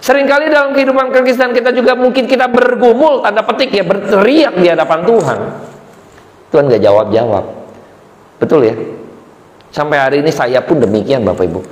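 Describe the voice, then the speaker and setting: A middle-aged man preaches in a loose, conversational way, full of fillers and asides. His voice sits a little high for a man. The sound carries the echo of a large hall with a long reverb tail. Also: brisk. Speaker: pastor. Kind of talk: sermon.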